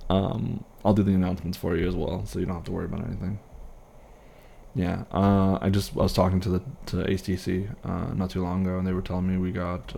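A man playing an easygoing airline pilot, chatting casually and haltingly with a colleague in a one-sided role-play. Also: deep voice, vocal fry, mellow, a little hiss or hum. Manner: casual, halting, reassuring co-worker chat.

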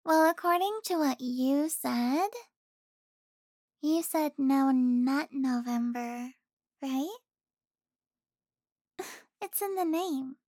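A young woman playing an affectionate, teasing girlfriend in an intimate audio roleplay, speaking softly with sighs and giggles. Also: high-pitched, very slow, long pauses, no echo, studio quality, exaggerated voice.

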